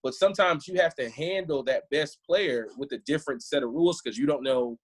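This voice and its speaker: A man's voice: on the high side, brisk. A man who is a head football coach, a podcast guest telling stories in an easygoing, casual way. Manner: easygoing storyteller. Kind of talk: casual interview chat.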